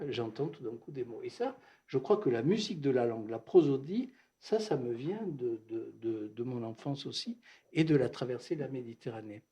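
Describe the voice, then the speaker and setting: An older man from Algeria, a psychoanalyst, telling his memories at a bookshop talk in a halting, reflective way, often repeating words. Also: mid-range voice, mellow. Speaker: psychoanalyst, guest speaker. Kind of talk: reminiscing talk at a bookshop event.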